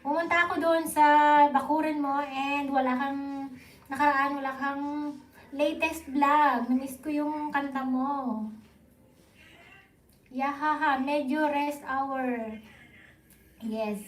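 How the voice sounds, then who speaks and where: High-voiced Filipino woman live-streaming, echoey room. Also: steady tone, slow pace, pauses often. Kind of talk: casual chat with live viewers.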